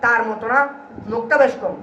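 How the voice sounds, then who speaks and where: A man's voice: very high-pitched, brisk, pushed and bright. A man teaches a grammar class, keeps firing questions at his students and drilling answers back. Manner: keeps quizzing students, call-and-response drilling. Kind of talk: classroom lecture. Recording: roomy, distant, dull and slightly noisy.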